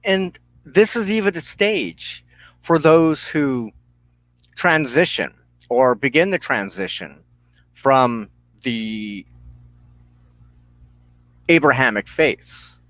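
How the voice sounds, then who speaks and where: As host of a spiritual broadcast, a man delivers a slow, serious, reflective monologue on personal belief, breaking his thoughts into short, deliberate phrases separated by pauses. His medium-pitched voice is a bit bright with lively intonation and sounds close and dry with no echo or room around it, though the audio quality is poor.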